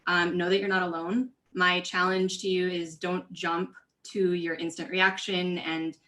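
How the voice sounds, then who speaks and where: A woman from California speaks on a webinar panel with a bright, forceful tone. Her delivery is earnest and conversational, full of fillers and self-corrections, set a little low in pitch. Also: little pitch movement, unhurried. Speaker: diversity and inclusion coach, panelist.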